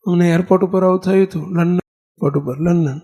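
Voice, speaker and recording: A man with a Gujarati accent giving a sermon as a monk, telling a story in an animated way and acting out the characters' lines. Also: high voice, fast talker, slightly rough.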